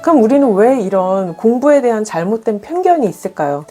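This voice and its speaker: A middle-aged woman parenting coach, calmly explaining and acting out parents' inner thoughts. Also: fairly high pitch, fairly quick, faint music behind. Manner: calm, reflective, acts out parents' inner voices. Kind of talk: explanatory monologue.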